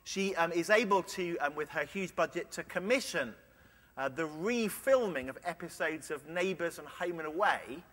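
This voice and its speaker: A man preaching a sermon, earnest, with playful illustrations and quiet emphasis. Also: on the high side, expressive, moderate pace. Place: large church. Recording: long church reverb.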